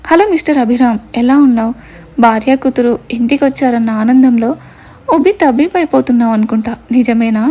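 A sneering villain, put on by a woman narrator, taunts down the phone line in a storybook reading. The voice is mellow and dark in tone, pitched a little high. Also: fairly quick, lightly acted. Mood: taunting. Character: mocking male villain caller on phone.

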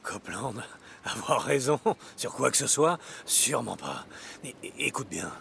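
An actor playing a gruff, wary biker drifter in a post-apocalyptic game, speaking in curt mutters. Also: male voice, mid-range voice, big pitch swings, normal speed, bright, forceful tone, slight background noise, full character voice. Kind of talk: video game dialogue.

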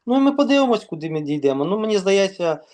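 A man from Ukraine, a volleyball organizer, talking casually in an interview and pausing often with fillers and restarts. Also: high voice, sing-song, a little mellow. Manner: hesitant, many fillers and restarts.

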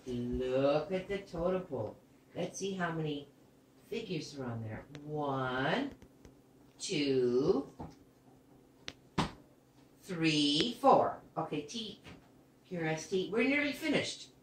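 A sweet older woman speaks slowly, with a swooping, playful lilt meant for a very young child. She is encouraging and full of wonder, recorded in a roomy living room from some distance away. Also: low voice, lively intonation. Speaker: grandmother. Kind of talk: reading and counting with a toddler. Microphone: camera a few meters away. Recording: roomy, distant microphone, some background noise.

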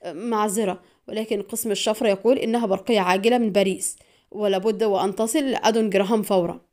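A woman's voice: medium pitch, fairly even intonation, fast talker, a little mellow, natural voice. A woman voicing a nervous male secretary who speaks in an apologetic, flustered way.

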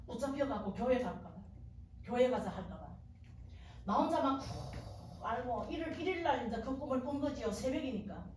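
A middle-aged woman delivers a testimony sermon with vivid, dramatic storytelling. Her voice sits high and swoops widely from line to line. She sounds distant from the mic in a very echoey church hall with faint background noise. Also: animated, moderate pace, a little mellow. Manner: dramatic storytelling, acting out dialogue. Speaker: guest speaker at a revival meeting. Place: church sanctuary.

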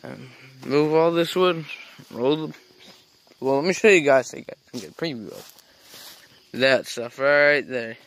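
A man's voice: animated, unhurried, gravelly, pauses often, fairly bright tone. A teenage man filming a casual farm vlog on his phone, rambling as he shows off the barn, the animals and a trailer. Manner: rambling, talks to the animals in a high baby voice. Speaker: farm vlogger. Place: outdoors on a farm and in an open wooden barn. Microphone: phone camera held at arm's length.

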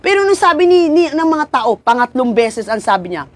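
A woman preaching a sermon with passion, swinging from loud cries to low, hushed tones. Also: very animated, brisk.

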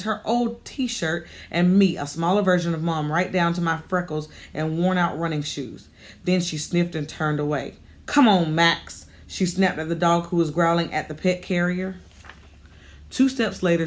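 A woman with a fairly low voice narrates an audiobook, her storytelling calm and even. She reads steadily, letting the scene unfold without hurry. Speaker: audiobook reader.

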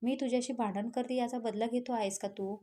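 A woman reading the lines of a talkative, defensive young woman in a storybook tale, protesting quickly. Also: fairly high pitch, steady tone, warm tone, natural voice. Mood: flustered.

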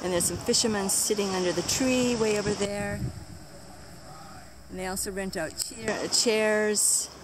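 A woman narrates a walking tour of a beach, chatty and enthusiastic as she points things out along the way. Her voice sits at an ordinary middle pitch. Loud waves and surf roll behind her throughout the outdoor recording. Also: steady tone, unhurried, noisy background. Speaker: travel vlogger. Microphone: handheld camera while walking.

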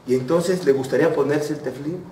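Brief: a man playing a gentle, reassuring devout elder, in a roomy space with a distant mic. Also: fairly high pitch, quick pace, a little hiss or hum, close to an everyday voice. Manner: calm, polite, reassuring. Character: kind, bearded, devout older man.

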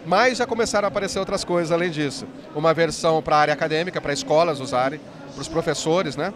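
At a busy indoor expo hall, an app company founder in his forties eagerly explains his product into a handheld mic during an interview. His slightly high voice is fast and enthusiastic, peppered with "né," with crowd noise around him.

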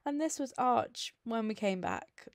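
A woman's voice: on the high side, animated, unhurried, dry recording. A young woman giving a casual, chatty voice-over for her vlog, giggling now and then. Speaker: vlogger. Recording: dry voice-over with faint music.

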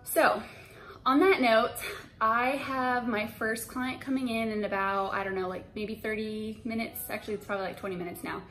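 A woman's voice: on the high side, steady tone, moderate pace, fairly bright tone, faint music behind, rough recording. A young woman in her twenties, a hairstylist, chatting to camera in an empty salon, reassuring and full of fillers and restarts. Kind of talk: casual vlog talk to camera. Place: empty hair salon indoors.

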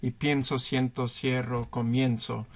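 Gravelly-voiced man teaching Spanish grammar. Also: medium pitch, little pitch movement, moderate pace. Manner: patient, thinking aloud with fillers. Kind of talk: explaining grammar at a whiteboard.

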